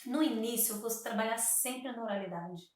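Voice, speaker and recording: A woman's voice: fairly high pitch, darkish tone, recorded from a distance. A woman speech therapist from Brazil explaining to camera, patiently sounding out words syllable by syllable. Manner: patient, slow syllable-by-syllable demonstrations. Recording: very echoey room, voice from off-mic.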